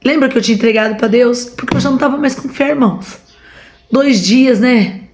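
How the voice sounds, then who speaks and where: A woman's voice: on the high side, fairly quick, darkish tone. A woman with a Brazilian Portuguese accent giving a fervent testimony from home, repeatedly calling her listeners brothers. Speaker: preacher. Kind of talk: emotional testimony to a congregation.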